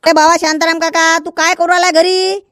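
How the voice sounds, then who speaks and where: A woman voicing an eager young village errand boy in a comedy skit, pleading and hurried. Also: extremely high pitch, little pitch movement, fairly bright tone, no echo, clean studio sound. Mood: urging.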